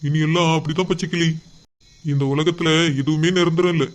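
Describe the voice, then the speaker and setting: A man plays a lovesick young cartoon man who has given up hope. He speaks quickly in a flat, even voice. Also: on the high side, close to an everyday voice. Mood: sad. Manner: subdued, resigned. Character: heartbroken young man in love.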